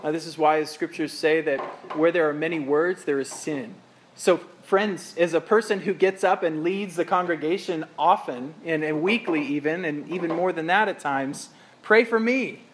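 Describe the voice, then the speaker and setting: Man, middle-aged, pastor, reflective sermon, high-pitched, slight noise behind. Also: fairly even intonation, normal speed. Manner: earnest, reflective, conversational preaching with scripture readings.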